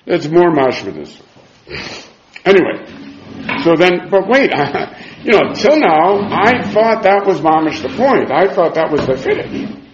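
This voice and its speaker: A man's voice: high-pitched, unhurried, noisy background. Man, informal Talmud-style lesson, very swooping intonation, self-questioning, roomy echoing sound. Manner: animated, sing-song questioning and answering himself. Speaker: Talmud teacher. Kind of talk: informal religious text lesson, reasoning aloud. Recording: dull, echoey room recording.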